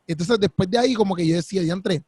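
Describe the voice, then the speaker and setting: Fast, high-voiced man. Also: dry recording. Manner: quick, animated storytelling with many restarts. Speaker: podcast co-host. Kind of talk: casual podcast chat, storytelling.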